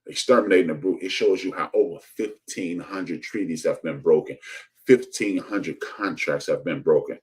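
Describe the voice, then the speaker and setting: Deep-voiced man, passionate solo commentary, repetitive rhetorical build, stumbling restarts. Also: normal speed, low-quality recording. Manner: preachy, repetitive rhetorical emphasis with frequent restarts. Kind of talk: impassioned commentary monologue.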